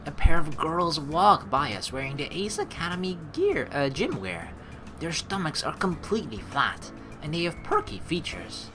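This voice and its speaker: Over background game music, a woman reads out the narration of a game in a let's play, cracking playful, teasing jokes along the way. Her voice is low, with big pitch swings, at a moderate pace.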